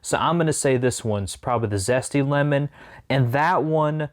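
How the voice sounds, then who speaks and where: A man's voice: medium pitch, normal speed. A man talking casually to camera as a food challenge vlogger while eating sour candy.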